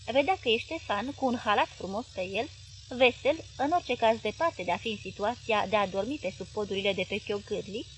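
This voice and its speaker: A woman reading a literary novel aloud as an audiobook narrator, in a measured, even manner. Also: medium pitch, slight background noise. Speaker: audiobook reader.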